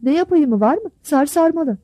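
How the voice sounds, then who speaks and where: An indignant village man pleading for mercy with reproach, as a woman reader acts him out. The voice is raised and warm. Recorded close and dry. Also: sits high, animated, normal speed, no echo, voice pushed up. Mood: reproachful.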